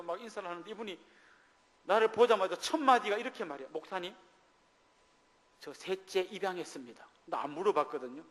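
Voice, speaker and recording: High-voiced male pastor in echoing church. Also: a bit bright. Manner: storytelling testimony, acting out quoted dialogue. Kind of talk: sermon. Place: church sanctuary. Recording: long reverb of a church hall.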